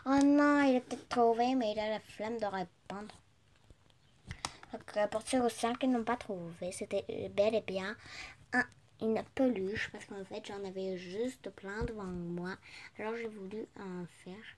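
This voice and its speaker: A woman's voice: mid-range voice, measured pace, a little hiss or hum. A young French woman playing a guessing game on camera, reading its questions aloud and answering them herself in a casual vlog.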